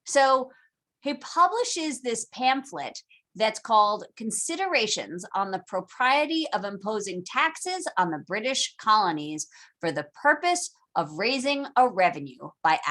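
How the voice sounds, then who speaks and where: A woman's voice: on the high side, sing-song, a little slow, fairly bright tone. A woman giving a recorded history lecture in a casual, irreverent way, acting out historical figures in slangy voices.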